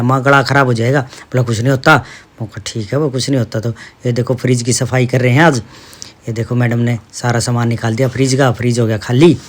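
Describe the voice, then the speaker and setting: A middle-aged man, narrating his family vlog in a chatty, homely way and pointing things out to viewers. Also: medium pitch. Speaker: vlogger, father.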